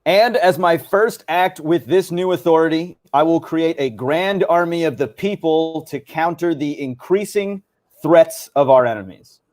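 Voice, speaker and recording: A man's voice: fairly high pitch, a little slow, darkish tone, voice pushed up, lightly acted. A man putting on a sinister old emperor villain.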